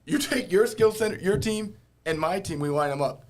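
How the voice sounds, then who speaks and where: A man, a youth basketball coach, giving opinions in lively casual chat. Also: high voice, moderate pace, slight background noise.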